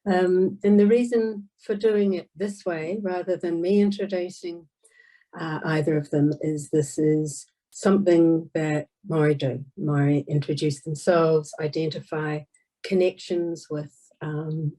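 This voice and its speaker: Woman, low voice, mellow, deliberate with pauses, moderating a conversation. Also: fairly even intonation, poor audio. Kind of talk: hosting an academic conversation.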